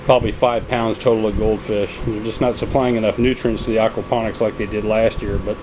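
A man with a lowish voice talks a little fast, narrating casually over a noisy background hum. He is a home hydroponics hobbyist giving an unscripted walkthrough of a small basement indoor grow room. He holds the camera himself, and the recording has a steady loud hum and water noise.

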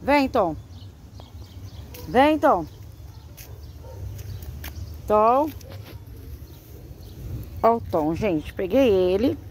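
A woman's voice: medium pitch, very animated, drawn-out words, long pauses, a little mellow, a little hiss or hum. A Brazilian woman filming herself outdoors, chatting to viewers and coaxing her pets in a raised sing-song voice. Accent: Brazilian Portuguese. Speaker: vlogger walking her dogs. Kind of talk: casual vlog chat to pets and viewers. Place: outdoors in a garden at dusk.

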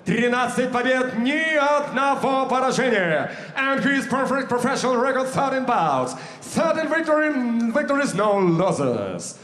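Male, arena announcer, high pitch, booming drawn-out name calls, fight introductions, echoey PA sound. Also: sing-song, fairly bright tone. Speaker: ring announcer. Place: large sports arena.

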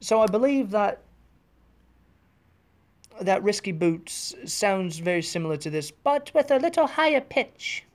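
Behind the wheel of his car, a U.S. podcast host talks alone in a loose, wandering way, frequently stopping to fix what he just said. He sits high in pitch and sounds animated, speaking a little slowly with long pauses.

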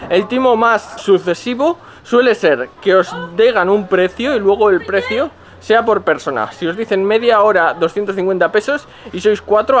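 Thirties male travel vlogger, Spain Spanish accent, pitched high, casual swearing, recorded outdoors at arm's length. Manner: blunt, joking, swears casually. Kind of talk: casual travel tips to camera. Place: narrow outdoor city alleys. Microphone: handheld camera at arm's length.

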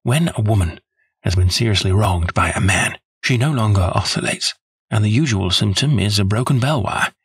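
Man playing Sherlock Holmes, low, gravelly and assured. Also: animated, normal speed, no echo, clean studio sound, exaggerated voice. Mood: assured, analytical. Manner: precise, assured, analytical. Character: shrewd, composed, self-assured male detective. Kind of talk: audiobook character voice.

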